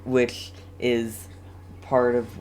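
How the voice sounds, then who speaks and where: Speaking at a medium pitch in a monotone, darkish voice, this streamer casually comments on a video game live and chats with viewers, with frequent hesitations and repeated words.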